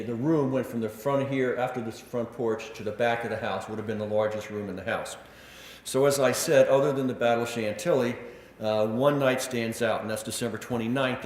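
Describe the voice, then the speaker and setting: A man giving a public history lecture, telling stories with animated delivery and acting out quotes, with frequent filler words. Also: medium pitch. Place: lecture room. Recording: echoey lecture hall.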